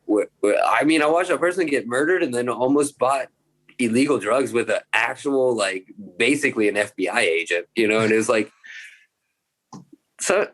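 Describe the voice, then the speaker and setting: An American man in his thirties chats casually on a podcast, rambling along with lots of filler words and swearing. His voice is mid-range, and the audio quality is poor.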